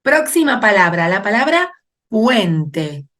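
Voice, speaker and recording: A woman's voice: medium pitch, sing-song, slow pace, fairly bright tone. A woman teaching a grammar lesson, explaining patiently and checking in with her students as she goes.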